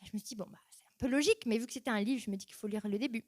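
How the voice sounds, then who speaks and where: A woman's voice: on the high side, rapid-fire, darkish tone, no room sound. A young woman giving a personal church testimony, telling her story casually and acting out her past reactions in quoted voices.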